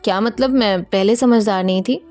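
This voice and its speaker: A woman's voice: medium pitch, moderate pace, darkish tone, natural voice. A woman voicing a playful, cheeky young woman who teases her friends. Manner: teasing, joking.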